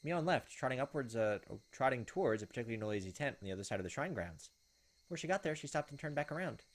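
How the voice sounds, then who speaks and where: A gaming video host, a man with a medium-pitched voice, talks fast and animatedly. He hosts a game playthrough, moving between casual commentary and reading the story text aloud.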